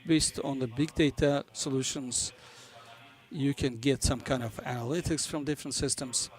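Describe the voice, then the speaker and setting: A man who is not a native English speaker gives a business conference presentation, halting as he searches for words. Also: mid-range voice, steady tone, soft background music. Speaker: conference presenter for a banking software company.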